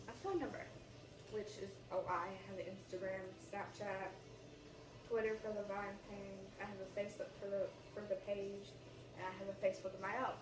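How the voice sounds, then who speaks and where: A teenage girl with an American accent telling a story casually as a vlogger, animatedly acting out the dialogue as she goes. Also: medium pitch. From United States. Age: teens, about sixteen. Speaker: YouTube vlogger. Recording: roomy echo, distant mic, faint noise.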